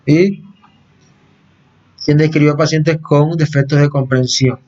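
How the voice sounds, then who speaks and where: A man teaches a class in a fairly high voice. He repeats himself and keeps checking that his listeners follow. The recording sounds muffled and low-fidelity. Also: fairly even intonation, slow pace, a little mellow. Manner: explains patiently, repeats phrases and checks in with "¿no?". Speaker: lecturer. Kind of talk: recorded lecture on language. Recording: dull, lo-fi recording.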